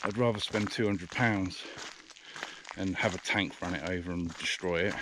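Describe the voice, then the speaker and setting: Low-voiced British man walking outdoors. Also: moderate pace, noisy background. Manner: rambling, hesitant, many fillers. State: out of breath. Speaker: vlogger reviewing a camera. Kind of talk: casual walking vlog. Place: outdoors in the countryside, walking by a river. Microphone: action camera's built-in mic.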